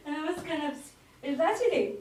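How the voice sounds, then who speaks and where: A woman's voice: very high-pitched, a little mellow. A mother with an Egyptian Arabic accent, chatting casually and teasingly with her daughter, often coaxing and laughing. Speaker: mother and vlogger. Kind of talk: casual family chat. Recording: echoey room, mic far off, faint noise.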